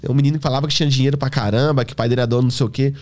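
A man tells stories in relaxed podcast chat. He slips into the voices of the people he describes and leans on street slang. His voice sits at an ordinary middle pitch. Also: very fast. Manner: animated, acts out dialogue with slang. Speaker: hair stylist guest. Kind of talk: casual podcast storytelling.

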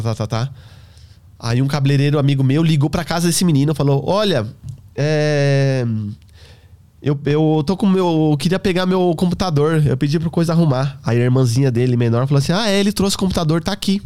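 A man telling stories in a casual podcast, acting out dialogue with street slang. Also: medium pitch. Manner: animated, acts out dialogue with slang. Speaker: hair stylist guest.

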